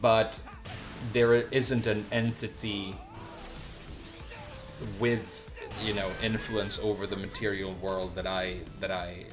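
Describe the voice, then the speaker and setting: A Swedish live streamer with a low male voice chats casually and unscripted, commenting on a game in a level tone over music. He speaks haltingly, hunting for words and making repeated false starts.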